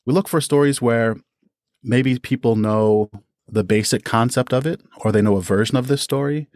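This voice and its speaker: A man who produces and performs audio drama answers interview questions as a podcast guest, explaining his craft conversationally and with enthusiasm. His mid-range voice is a little mellow and moves at a moderate pace, captured in a dry, studio-quality recording.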